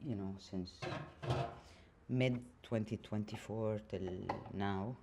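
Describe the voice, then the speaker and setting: A man speaking an unscripted personal monologue while washing dishes, reflective and hesitant, with frequent pauses. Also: fairly low pitch, steady tone, very noisy. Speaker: channel host.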